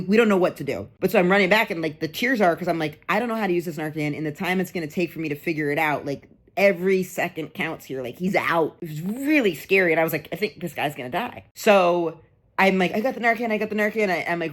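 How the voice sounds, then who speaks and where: A woman in her thirties, a comedian vlogger, telling a rambling, animated story in a casual vlog, acting out the voices of the people in it. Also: sits low.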